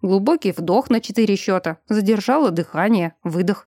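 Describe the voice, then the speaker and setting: Woman reading as teasing calm ex-cop man. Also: mid-range voice, moderate pace, no room sound, studio quality, lightly acted. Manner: teasing, unruffled.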